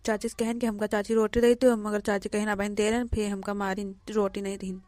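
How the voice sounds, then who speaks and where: A woman's voice: mid-range voice, little pitch movement, fairly quick, a little mellow, no room sound, lightly acted. A woman voicing a small village boy with an Awadhi accent, whining and tattling to his mother.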